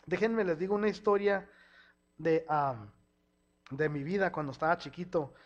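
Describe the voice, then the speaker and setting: High-voiced preacher. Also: male voice, normal speed. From El Paso, Texas. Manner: animated, acts out quoted speech, mixes in English words. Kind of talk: sermon. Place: church hall. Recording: dull lo-fi sound.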